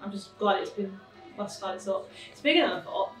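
A woman's voice: mid-range voice, lively intonation, a little fast. A young woman vlogging casually, chatty and laughing as she builds her home gym. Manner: chatty, laughing, swears under breath while building. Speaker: vlogger, personal trainer. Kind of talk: casual vlog chat. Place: basement home gym with bare brick walls. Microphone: camera on a tripod across the room. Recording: echoey room, camera far off, light music.

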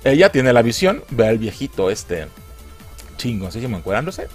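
Mexican man, film reviewer, crude slangy mockery, very animated pitch, faint background music. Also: normal speed, breathy edge. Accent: Mexican Spanish.

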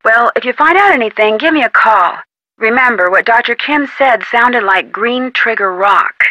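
A young woman with an American accent voices a friendly, inquisitive amateur detective in an adventure game, delivering scripted dialogue as if on a phone call. Her voice is on the high side, animated, pushed and bright at normal speed, casual, chatty and polite. The recording is rough, with no room sound.

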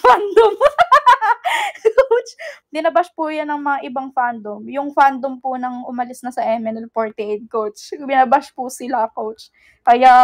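A young woman with a high, bright-sounding voice chats on a livestream, teasing viewers and thanking them. She mixes in English, jokes around and breaks into laughs. It sounds like a phone or webcam mic. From Philippines. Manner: playful teasing, code-switching with English, frequent laughter. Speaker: idol livestream host. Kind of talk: casual livestream chat with viewers.

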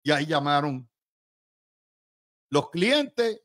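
A man with a Puerto Rican accent delivering political commentary in a high-pitched voice for a male speaker. He talks emphatically, with a combative and sarcastic edge, and often swings up sharply in pitch to stress a point. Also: very animated, takes it slowly, fairly bright tone. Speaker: political analyst.

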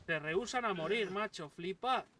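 A man's voice: high voice, moderate pace. A young man with a Spain Spanish accent doing let's play commentary, swearing and bursting out as he plays. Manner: swearing, excitable outbursts. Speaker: gaming YouTuber. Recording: distant mic with loud game noise.

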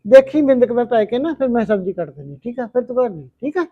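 A woman's voice: a little high, big pitch swings, quick pace. A middle-aged woman, playing a tired, patient mother-in-law in a village family drama. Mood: gentle. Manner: gentle, weary, calls her "son". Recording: dull lo-fi recording.

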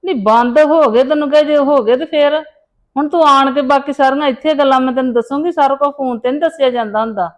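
A woman's voice: sits high, quick pace, dull audio, close to an everyday voice. A woman playing a fretful, grumbling and demanding mother-in-law in a family drama. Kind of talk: dramatic monologue and phone dialogue in a family serial.

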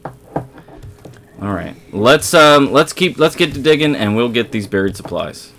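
A man's voice: medium pitch, expressive, normal speed, a bit bright, slight background noise. A man hosting a let's play, chatting casually to viewers as he plays, rambling and correcting himself as he goes. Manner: rambling, self-correcting, talks to viewers while playing. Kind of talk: casual gameplay commentary.

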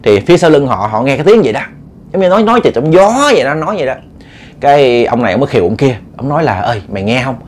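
A male storyteller with a Southern Vietnamese accent narrates a ghost story in an animated, dramatic way. He stumbles and repeats words as he presses the tension, in a mid-pitched voice. Faint background noise sits under the recording. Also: racing. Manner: animated, dramatic, repetitive stammering.

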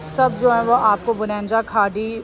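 A crowd murmurs in the background as a woman, mid-range and flat in delivery, speaks at a moderate pace during a shopping vlog walkthrough. She moves through a large, busy indoor clothing warehouse, showing the stock, talking upbeat and repeating fillers over noisy store ambience.

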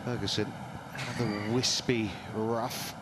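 A man's voice: lowish voice, fairly even intonation, a little slow. A man giving golf commentary as a broadcast commentator. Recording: very noisy outdoor broadcast ambience.

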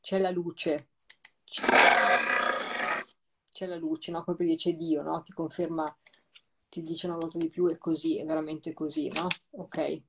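A woman hosting a live-streamed talk, who explains replayed recordings in a repetitive, emphatic and warmly reassuring way. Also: low-pitched, level tone, unhurried, long pauses, very noisy. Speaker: host.

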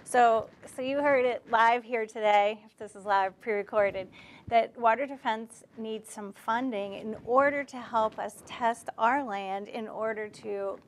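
A woman's voice: a little high, a little slow. A woman, hosting an interview in an informal, chatty way. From Cape Cod, Massachusetts. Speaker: talk show host. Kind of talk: conversational interviewing. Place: indoor studio set lined with bookshelves.

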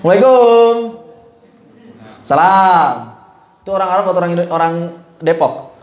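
A man teaching a Quran recitation class in a relaxed, conversational way, often putting questions to his students. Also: sits high, racing, roomy sound. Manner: asks the class questions, mixes casual speech with chanted Arabic. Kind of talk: informal religious lesson.

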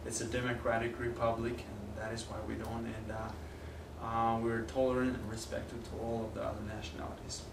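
A young adult Kazakh language teacher, speaking with a Kazakh accent as a native speaker, delivers a video lesson in a classroom with a whiteboard. He talks a little fast with hardly any pauses, in a gravelly mid-range voice with little pitch movement, though his casual speech is hesitant and full of fillers and restarts. The far camera mic captures an echoey, noisy room.

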